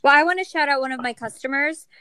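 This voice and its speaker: A woman's voice: high voice, quick pace, sharp tone, no room sound. A woman co-hosting a podcast who runs a store, sharing opinions in earnest casual chat. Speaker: podcast co-host; store owner.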